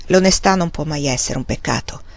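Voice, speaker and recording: A woman's voice: deep voice, fairly quick, vocal fry, no echo, voice pushed down. A woman reading the lines of a cynical, tormented young man who presses with bitter irony, in a dry close recording.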